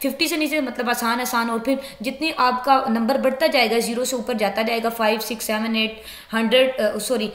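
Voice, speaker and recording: Woman teacher with a high voice, in an echoey room. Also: steady tone, fairly bright tone. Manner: reads English lines slowly, then explains in Urdu-Hindi. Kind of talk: explaining a lecture step by step.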